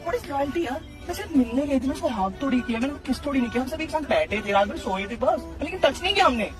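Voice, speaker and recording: A woman's voice: high voice, expressive, fast talker, music in the background. A woman playing a flippant young girlfriend who defends herself and drops English phrases into her speech. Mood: defensive.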